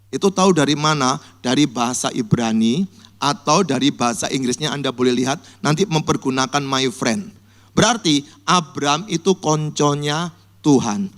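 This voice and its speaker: A male pastor preaching a sermon, telling Bible stories vividly and acting out people's cries for help in a high voice. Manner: lively storytelling, acts out cries in a high voice. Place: church.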